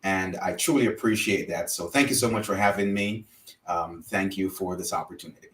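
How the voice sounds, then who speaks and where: A man from Jamaica, a religious teacher speaking as a guest in an interview, earnest and measured. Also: deep voice, fairly bright tone. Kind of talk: interview conversation. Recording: roomy, distant from mic.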